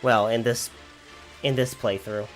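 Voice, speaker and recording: A young man in his twenties rambles through a casual gameplay stream, laughing often as he answers chat. His pitch sits in an ordinary middle range for a man, and soft game music plays faintly behind him. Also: fairly even intonation, unhurried. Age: 20s. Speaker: livestreamer.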